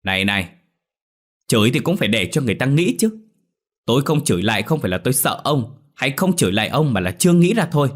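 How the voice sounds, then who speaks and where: A man voicing a stubborn, eccentric old village man who shouts back in a squawky, hurried way, in a storybook reading. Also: medium pitch, sing-song, pitched above the performer's own voice. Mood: indignant. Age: older.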